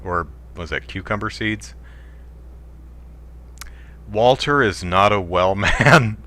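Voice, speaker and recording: A man's voice: on the low side, animated, slow, pushed and bright, no room sound. A man casually commenting on a game he is playing, joking wryly and reading viewer comments aloud. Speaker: let's play host.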